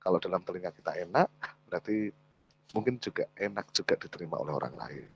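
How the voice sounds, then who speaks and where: A man's voice: deep voice, fast, slightly rough, highs cut off. Javanese-accented man teaching public speaking. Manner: lively, drops into Javanese asides. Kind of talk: online workshop talk. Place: home or office, video call.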